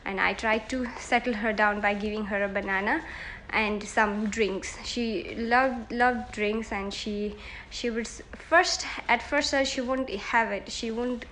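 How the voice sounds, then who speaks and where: A woman's voice: on the high side, steady tone, unhurried, fairly bright tone, slight background noise, poor audio. A woman, giving earnest, hesitant answers in a mock job interview. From Nepal. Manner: earnest, hesitant, self-correcting.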